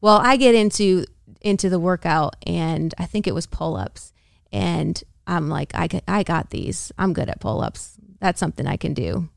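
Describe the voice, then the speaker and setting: An American woman co-hosting a podcast, telling a story in an animated, casual way with frequent laughter and acted-out quotes. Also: fairly low pitch, normal speed, vocal fry, no room sound, studio quality. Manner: animated, laughs often, acts out quoted dialogue. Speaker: podcast co-host.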